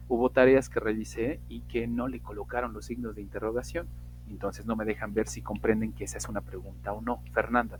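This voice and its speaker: A man teaching English in an online class, slowly and emphatically modeling example sentences. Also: fairly low pitch, darkish tone, slight background noise, poor audio.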